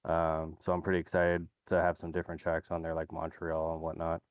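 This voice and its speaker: A man's voice: a bass voice, monotone, a little fast, dry recording, lo-fi sound. A man, the race winner, talking casually with many restarts in a post-race interview.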